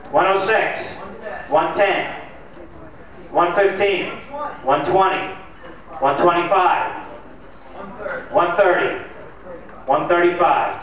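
A man's voice: high-pitched, fairly bright tone. A man calling bids as an auctioneer, counting up prices steadily and dropping the odd light aside. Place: large hotel function room with seated crowd. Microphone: handheld mic, heard from far back in the room. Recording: echoey hall, distant camcorder mic, crowd murmur.

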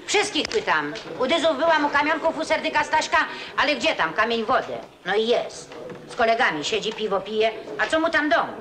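An actress playing a sharp-tongued miner's wife who scolds sarcastically. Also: female voice, on the high side, sing-song, fairly quick. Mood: scolding. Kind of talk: 1960s film acting. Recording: noisy old film soundtrack.

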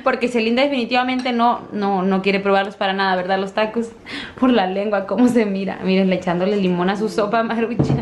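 A woman's voice: medium pitch, fairly even intonation, a little fast. A woman vlogging from home, chatting casually with her viewers and often addressing them as girls. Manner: chatty, warm toward viewers, often calls them "chicas". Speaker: family vlogger, mother.

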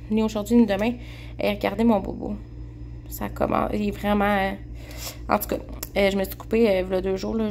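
A woman's voice: medium pitch, darkish tone, a little hiss or hum. A young woman with a Québécois accent chatting casually to camera in her home kitchen, full of fillers and restarts. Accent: Québécois French. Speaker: vlogger. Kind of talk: casual meal-prep chat to camera.

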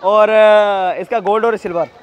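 Some chatter can be heard behind this lo-fi recording of a man at a school swim meet held at an outdoor pool. He speaks in a high, steady voice at a measured pace, offering casual commentary to his viewers on camera and cheering the swimmers on.

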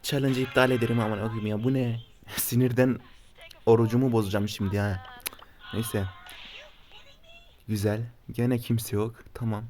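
A young man giving casual commentary as he plays a mobile game, often cursing and yelling at rivals. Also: fairly low pitch, steady tone, moderate pace, long pauses, slight background noise. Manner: swears and shouts at opponents in frustration. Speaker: gaming YouTuber.

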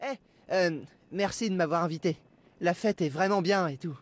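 A sheepish young boy in a video game, stumbling over his words. His voice sits high and sounds far from the mic. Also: moderate pace, dry recording. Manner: hesitant and awkward. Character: awkward young boy, a mild bully. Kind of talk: French video game dub.

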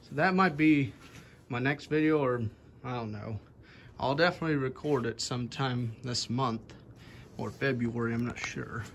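A young man vlogs for his ceiling-fan collecting channel, talking offhandedly with many "anyway"s while his handheld phone films a fan in an attic or shed with exposed rafters. He has a mid-range voice with vocal fry at normal speed, and slight background noise.

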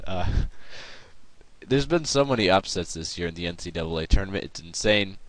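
A man's voice: sits low, fairly bright tone, no room sound. A young man giving casual, rambling gameplay vlog commentary in a self-deprecating way, recorded close to the mic. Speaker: gaming video host. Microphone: close mic, voice-over on screen capture.

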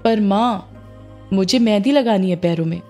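A woman voicing a shy, doting young woman who speaks softly and hesitantly in a storybook reading. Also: medium pitch, moderate pace, soft background music, lightly acted.

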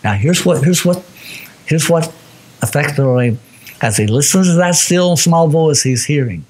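A man preaching a sermon, folksy and plain-spoken, reading scripture with rising fervor and dropping low for asides. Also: expressive, moderate pace, a little mellow, breathy edge. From Missouri, USA. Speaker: pastor.

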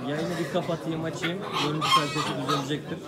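A man's voice: a little high, level tone, very fast. A man talking casually as an assistant at a live auction. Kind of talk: casual spontaneous talk. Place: indoor poultry auction hall. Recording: loud crowd and bird noise.

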